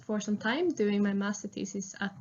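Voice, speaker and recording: A woman's voice: mid-range voice, normal speed, darkish tone. A young woman in her twenties from Sweden, with a Swedish accent, presenting a prerecorded conference talk in a friendly tone with frequent "uh" fillers. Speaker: research engineer presenting. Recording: muffled lo-fi recording.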